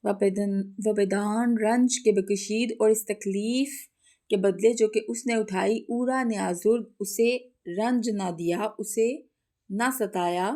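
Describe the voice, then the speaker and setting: A woman's voice: medium pitch, fairly even intonation, dark tone. A woman teaching a lesson. She reads a text phrase by phrase, then translates and explains each one, often repeating and rephrasing.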